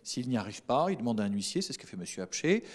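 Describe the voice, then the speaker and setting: A man speaking as a government official, giving measured, procedural explanations in a live panel debate. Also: medium pitch, sing-song. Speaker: state official from the prefecture. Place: broadcast studio set.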